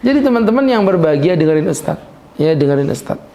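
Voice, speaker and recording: Middle-aged male preacher, lively and joking, drags out key words, somewhat high-pitched, recorded in an echoey hall. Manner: joking and lively, laughs often, slows down to stress points. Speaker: Islamic preacher. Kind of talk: humorous religious lecture. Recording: echoey room.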